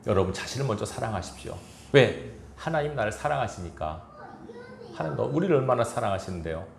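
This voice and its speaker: Man, pastor, sermon, animated, roomy church echo, faint background hum. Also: lowish voice, quick pace, vocal fry. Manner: earnest, exhorting, with chuckles and quoted asides. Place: church sanctuary.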